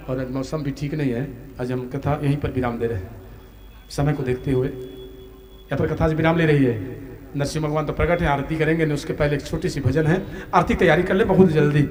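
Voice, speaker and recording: A male preacher telling a devotional story dramatically and talking to his audience at an outdoor religious gathering. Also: on the high side. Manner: dramatic, declamatory, then calm asides to the audience.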